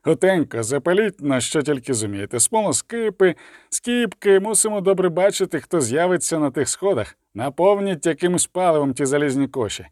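A man's voice: on the high side, animated, a little fast, no room sound, studio quality, voice pushed up, close to an everyday voice. A man reading aloud voices a stern, authoritative male commander who speaks firmly and decisively. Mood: commanding. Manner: firm, loud and decisive.

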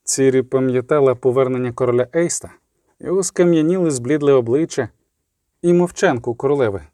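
A man with a mid-range voice narrates an audiobook in a measured, even storytelling style. The recording is studio quality, with no room sound.

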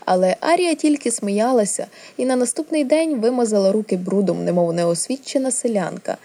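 A woman reading a storybook aloud as narrator, with a steady, even storytelling delivery. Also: medium pitch, a little fast. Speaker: audiobook reader. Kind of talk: scripted narration.

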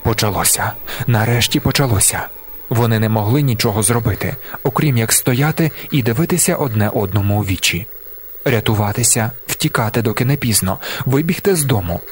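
A man narrating an audiobook in a measured, deliberate way, slowing down for emphasis. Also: medium pitch, lively intonation, slight background noise. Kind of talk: scripted narration.

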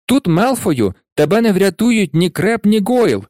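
A man voicing a brave, defiant young schoolboy in a storybook reading, firm and forceful. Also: sits high, very animated, a little slow, no echo, studio quality, pitched above the performer's own voice. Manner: firm, shouting.

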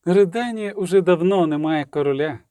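Стара чарівниця з аудіокниги у виконанні чоловіка-читця промовляє спокійно, владно й гостро. Її тон м'який і приглушений, а запис сухий і близький. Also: male voice, high-pitched, warm tone, no echo, studio quality, close to an everyday voice. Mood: cool, commanding. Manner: measured, stately, cutting. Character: cold, calm, authoritative elder sorceress.

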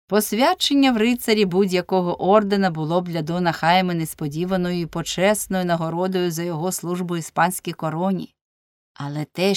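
A woman narrating an audiobook in a measured, expressive reading style. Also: fairly low pitch, dry recording, clean studio sound.

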